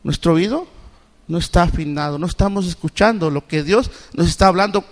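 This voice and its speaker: A middle-aged man from Mexico preaching in church, his voice pitched high above most men's. He keeps putting questions to the congregation, breaking off and starting his sentences again. A long reverb from the church hangs on every word. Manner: asks the congregation repeated questions; halting, with many restarts. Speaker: Sunday school preacher. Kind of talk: sermon. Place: church sanctuary.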